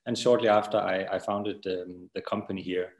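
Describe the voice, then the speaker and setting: A man's voice: low voice, steady tone, moderate pace, roomy sound. A man from Denmark with a Danish accent, speaking as an architect guest in an interview, hesitant with many fillers and repeated words. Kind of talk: interview conversation.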